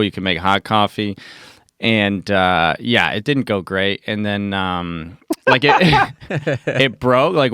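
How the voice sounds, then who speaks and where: A man's voice: lowish voice, bright, forceful tone, clear, resonant tone, dry recording, clean studio sound. A man in his thirties, a comedian guest in casual podcast chat, laid-back and self-mocking, trailing off with fillers. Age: 30s.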